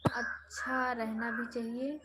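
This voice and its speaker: A woman's voice: fairly high pitch, level tone, slow, very noisy. A young woman, live streaming on her phone, angrily scolding a troll in the comments and then brushing him off.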